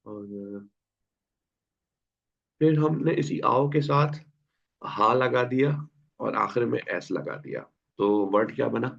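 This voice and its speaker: Male teacher, slow gravelly delivery, patient drills, dull lo-fi call audio. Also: medium pitch, fairly bright tone. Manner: patient, quizzes students and repeats words slowly. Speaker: German teacher. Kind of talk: online language class. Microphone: video call. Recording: dull lo-fi online class audio.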